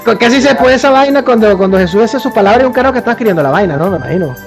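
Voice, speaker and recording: Guy with a high voice, talks fast and playful, music in the back. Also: lively intonation. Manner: quick, playful, agreeing asides. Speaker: podcast co-host. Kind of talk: joking casual chat.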